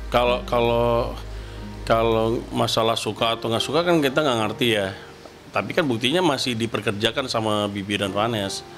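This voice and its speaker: A man with a mid-pitched voice comments casually to reporters. He sounds hesitant and uses many fillers, with faint music in the background. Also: a bit bright.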